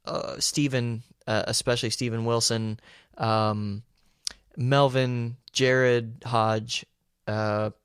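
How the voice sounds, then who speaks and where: Canadian man with a smooth, dry voice. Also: mid-range voice, no echo. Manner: joking, brisk, brushes questions off. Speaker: podcast co-host. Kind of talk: casual podcast chat, reading listener questions.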